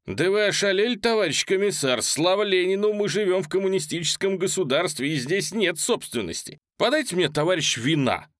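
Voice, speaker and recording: A man voicing a bold, defiant male singer who shouts commands in a loud, lively voice. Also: mid-range voice, normal speed, no echo, clean studio sound. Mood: commanding.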